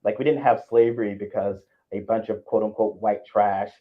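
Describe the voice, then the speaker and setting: Low-voiced man, earnest and argumentative. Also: steady tone, normal speed, phone-quality sound. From American South. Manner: earnest, argumentative, frequent restarts. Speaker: co-host. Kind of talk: casual podcast chat.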